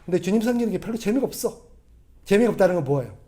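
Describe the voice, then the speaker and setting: A male pastor preaching a sermon, talking with the congregation and asking them questions, and acting out quoted voices in a gruff tone. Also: sits high, expressive, rapid-fire, warm tone. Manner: conversational, asks the congregation questions.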